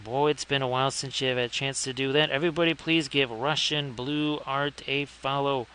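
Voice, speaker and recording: A man's voice: mid-range voice, fairly even intonation, moderate pace, pushed and bright, clear, resonant tone. A man hosting a casual live stream, chatty, with wry asides and frequent thanks to viewers. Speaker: live-stream host painting miniatures.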